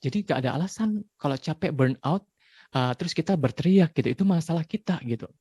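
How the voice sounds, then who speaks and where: A man in his forties giving a parenting talk in a relaxed, conversational way, dropping frequent tag questions. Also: a little high, quick pace, breathy edge, no room sound. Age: 40s. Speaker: parenting speaker.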